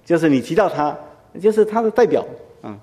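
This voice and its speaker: A man's voice: on the high side, lively intonation, fairly quick, mellow. A male pastor giving a sermon in a conversational teaching manner, often asking his listeners rhetorical questions. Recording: long hall reverb.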